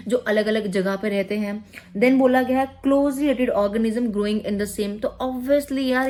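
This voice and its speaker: A woman coaching teacher walks through exam questions in a conversational way, mixing Hindi and English and often checking that students follow. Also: mid-range voice. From Jammu and Kashmir. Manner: conversational, repeats "ठीक है ना" to check understanding.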